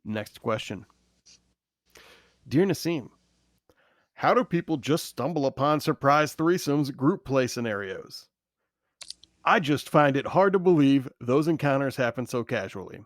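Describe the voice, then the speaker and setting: A man co-hosting a podcast, calm and supportive, reading out listener questions. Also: mid-range voice, unhurried, pauses often, no room sound, studio quality. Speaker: podcast co-host and producer. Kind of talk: casual podcast chat.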